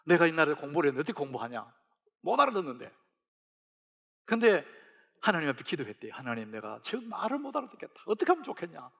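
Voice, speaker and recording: A middle-aged senior pastor preaching a sermon, telling a story with rising emphasis. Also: male voice, a little high, very animated, fast talker, gravelly, a bit bright.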